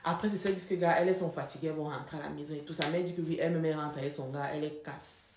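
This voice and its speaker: A young woman spins a personal story in a casual, animated way, laughing and leaning hard on dramatic moments. Her voice sits low for a woman. The recording carries a roomy echo. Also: rapid-fire, a little hiss or hum. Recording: echoey room.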